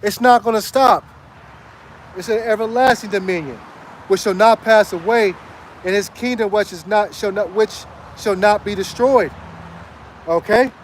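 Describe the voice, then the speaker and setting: A man delivers an emphatic outdoor street sermon, repeating lines and checking in with "right?" as his voice goes hoarse. He speaks high and a little slowly over slight background noise.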